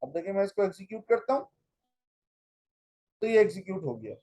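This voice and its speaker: Man, high mellow voice, patient step-by-step coding teacher. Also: sing-song, fairly quick, rough recording. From Pakistan. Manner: explains step by step, mixing in English phrases. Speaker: computer teacher. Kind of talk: classroom lecture with live coding.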